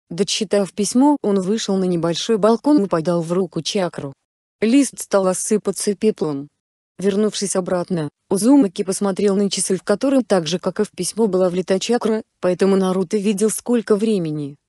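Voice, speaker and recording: A woman narrates a fan fiction story in an even, unhurried way, with a mellow, darker tone. The sound is dry and close, with no room around her. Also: mid-range voice, no echo. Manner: even, unhurried storytelling, voicing all characters in her own voice.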